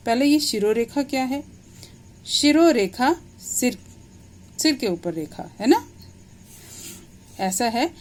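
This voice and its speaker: A woman's voice: on the high side, a little mellow. Woman teacher explaining step by step. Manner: explains step by step, checks understanding with questions. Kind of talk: classroom grammar lesson.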